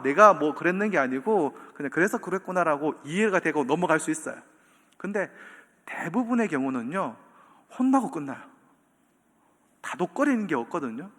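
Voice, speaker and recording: A man, preaching a sermon as pastor in animated storytelling style, acting out quotes and chuckling. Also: high-pitched, normal speed, long pauses. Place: church sanctuary. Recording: long church hall reverb.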